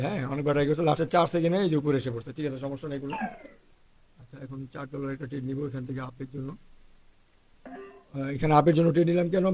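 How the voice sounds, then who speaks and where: A hoarse man who is feeling unwell, talking through live trades as an instructor and checking "okay?" after each point. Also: on the high side, warm tone. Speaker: trading instructor. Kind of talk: live trading walkthrough.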